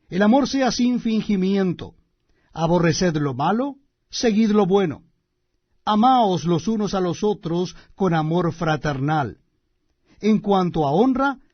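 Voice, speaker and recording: A man reading the Bible aloud as host, in solemn, measured, declamatory narration with deliberate pauses between phrases. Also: sits high, dry recording, lo-fi sound.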